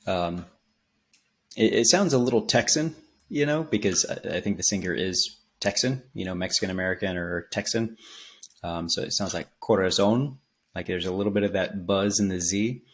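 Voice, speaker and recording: Low gravelly man teaching casually. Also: normal speed. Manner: relaxed, rambling, many ums and restarts, sings snippets. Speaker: language teacher. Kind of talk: casual spoken lesson, explaining song lyrics.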